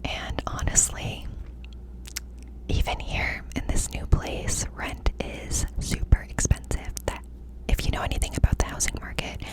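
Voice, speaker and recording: A woman speaks entirely in a soft, breathy whisper, very close to the microphone as if cupping it. She chats intimately in an ASMR style, confiding in the listener and lingering on repeated phrases. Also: a little slow, poor audio. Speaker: ASMR creator. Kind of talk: whispered ASMR life-update chat. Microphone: close mic with cupped whispering.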